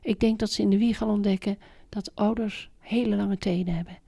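Gravelly-voiced woman, emphatic storyteller. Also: mid-range voice, brisk. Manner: emphatic, repeats points, lively storytelling. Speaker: interview guest, parenting expert. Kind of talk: conversational interview.

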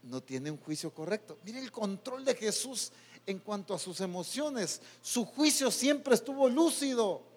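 A man preaches a sermon in a church hall. He climbs to loud, urgent peaks, then drops to quiet, low lines, and at times he talks straight to his own soul. A long hall reverb hangs on every phrase. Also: expressive, measured pace, breathy edge. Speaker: pastor.

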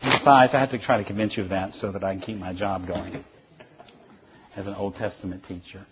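A man teaching a Bible class, lecturing with animated storytelling and acting out the voices in his examples. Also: sits low, brisk, highs cut off, noisy background.

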